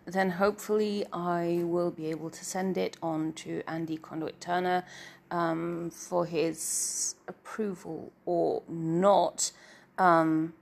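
Speaking slowly in a lowish, level voice with vocal fry, a middle-aged woman sounds nasal and congested. She's a writer and story narrator giving a meandering, self-deprecating update about herself, often fading off into filler.

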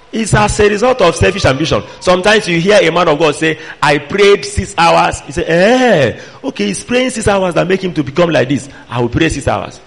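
A man's voice: high-pitched, vocal fry, fairly bright tone, low-quality recording. A man with a Nigerian accent preaching a sermon, emphatic and admonishing, putting pointed questions to his listeners. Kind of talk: sermon to a fellowship.

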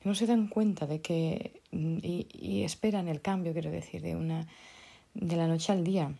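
Low, gravelly-voiced woman speaker. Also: steady tone, normal speed, mellow. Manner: hesitant, with many restarts and tag questions. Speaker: motivational speaker. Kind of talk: unscripted motivational talk.

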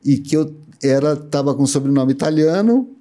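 A man's voice: on the high side, normal speed. A middle-aged Brazilian man with a Brazilian Portuguese accent, chatting as a guest and telling a story with frequent laughs. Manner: animated storyteller who laughs often. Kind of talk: casual podcast chat.

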